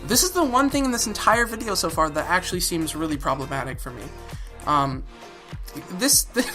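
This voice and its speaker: A woman's voice: fairly low pitch, expressive, a little fast, a bit bright. A young woman hosting a reaction video, talking bluntly and sarcastically and swearing freely. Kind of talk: casual reaction commentary. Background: background music.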